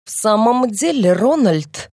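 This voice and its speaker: A woman voicing a shrill, brittle matron. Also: very animated, takes it slowly, darkish tone, no room sound, studio quality, full character voice. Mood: curt. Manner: curt, firm, emphatic. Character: stiff, cold middle-aged woman, shrill and brittle.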